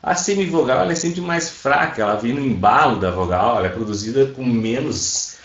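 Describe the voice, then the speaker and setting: A man's voice: medium pitch, lively intonation, moderate pace. A man teaching an online class, explaining patiently and often checking that his students are following. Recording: roomy, dull sound. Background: airplanes passing overhead.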